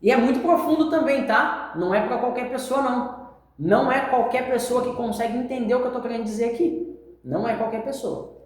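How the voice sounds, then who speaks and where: A woman's voice: a little high, fairly quick. A woman with a Brazilian accent teaching from the Bible in an informal, emphatic way, using slang and repeating her points. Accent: Brazilian Portuguese. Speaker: preacher. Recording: very echoey room.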